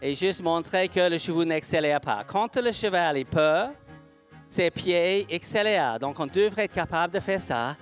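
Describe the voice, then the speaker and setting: A man's voice: fairly high pitch, expressive, moderate pace, faint music behind. A man, a horse trainer speaking slightly broken French in a live seminar demonstration, asking rhetorical questions and answering them himself.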